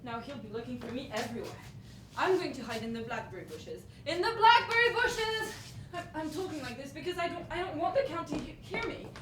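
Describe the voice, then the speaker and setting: A giddy, flighty young bride rattles on mockingly in a high, swooping voice, as an actress plays her on stage. The sound is distant and roomy, with a clear background rumble. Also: animated, fast talker. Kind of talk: stage play monologue. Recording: echoey noisy stage from far off.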